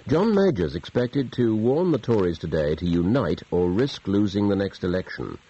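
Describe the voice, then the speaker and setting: A man's voice: deep voice, warm tone, breathy edge. A man reading a formal morning news bulletin, heard as a dull, tinny broadcast from a clock radio. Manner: measured, formal news delivery. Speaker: radio newsreader.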